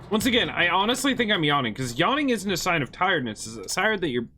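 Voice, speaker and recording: A man's voice: sits high, sharp tone. Jumpy, chatty male game streamer. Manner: chatty, jumpy, muttering reactions. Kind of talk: casual gameplay commentary. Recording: noisy stream recording.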